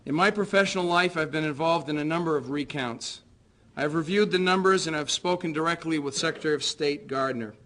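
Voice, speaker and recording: An American man who is a political candidate delivers a prepared concession speech in a formal, measured, earnest way. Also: on the high side, pushed and bright.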